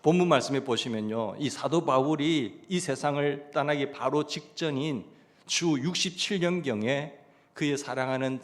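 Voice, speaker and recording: A middle-aged man preaches a Sunday sermon from the pulpit in a church, his voice at an ordinary pitch. He tells stories as he goes and often stops to put questions to the congregation. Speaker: pastor. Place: church sanctuary.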